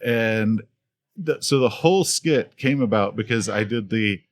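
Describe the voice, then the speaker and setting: A man's voice: on the low side, measured pace. A man guest on a podcast, telling anecdotes in casual chat with frequent restarts, laughter and acted-out quoted voices. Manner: animated storyteller who acts out quoted voices. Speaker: podcast guest, video creator.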